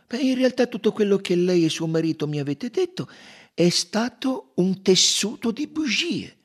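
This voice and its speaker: A man's voice: sits high, very animated, normal speed, slightly rough, voice pushed up, heavily acted. A man voicing a shrewd middle-aged detective who presses his questions with pointed insistence. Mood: probing.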